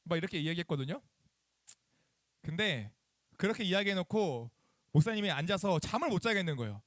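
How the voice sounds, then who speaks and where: Youth pastor, male, high and very animated delivery, dry close sound, church sermon to teens. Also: a little fast, no echo. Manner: animated, acts out phone calls and asks the kids questions. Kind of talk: sermon to middle schoolers. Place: church chapel.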